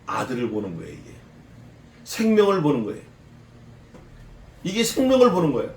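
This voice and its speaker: A male pastor with a slightly high voice, preaching in a lively way with slang and questions to the flock. The sound carries the roomy echo of a church sanctuary. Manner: lively, asks the congregation questions, mixes in casual slang. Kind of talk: expository sermon.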